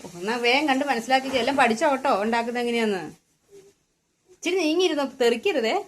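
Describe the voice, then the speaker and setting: A woman's voice: high-pitched, fast talker, a little hiss or hum. Playful woman coaxing a child in the kitchen. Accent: Kerala Malayalam. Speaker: home cook vlogger. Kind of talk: casual family cooking chat. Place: home kitchen.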